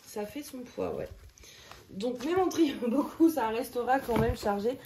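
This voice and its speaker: A woman's voice: fairly high pitch, lively intonation, measured pace, dark tone, slight background noise. A woman chatting casually to her viewers while sorting craft canvases, thinking aloud and joking at her own expense. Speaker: crafting vlogger. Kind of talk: casual chat. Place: at home.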